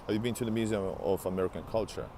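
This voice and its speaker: Low-voiced tired man streaming outdoors. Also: racing. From Latvia and Finland. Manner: rambling, restarts often, talks back to chat. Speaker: live-streaming travel vlogger. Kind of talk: casual live stream chat answering viewers. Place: outdoors on a city street beside a large building. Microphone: wired earbud headset, phone held at arm's length. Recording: outdoor street noise on a headset mic.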